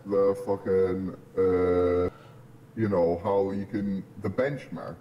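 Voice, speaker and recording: A male podcast guest talking through a deep voice changer in casual, blunt chat, swearing constantly. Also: fairly even intonation, slow, lo-fi sound, a little hiss or hum. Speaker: guest streamer.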